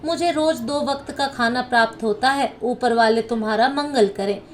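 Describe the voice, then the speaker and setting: Calm old sadhu baba blessing someone, woman doing him, still fairly high. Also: moderate pace, a little hiss or hum, natural voice. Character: old male holy man, gentle and grateful.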